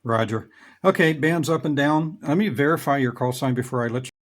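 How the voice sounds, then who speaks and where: A middle-aged amateur radio hobbyist hosts a ham radio vlog, speaking a little fast in a mid-range voice. He explains things casually and matter-of-factly, in a conversational way.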